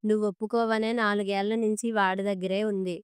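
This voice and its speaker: A fed-up middle-aged husband snaps back curtly in a spoken storybook, as a woman reading the story voices him. The voice is very clear and smooth, with a dry, close sound. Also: medium pitch, little pitch movement, brisk, no room sound, natural voice. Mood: irritated. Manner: curt and impatient.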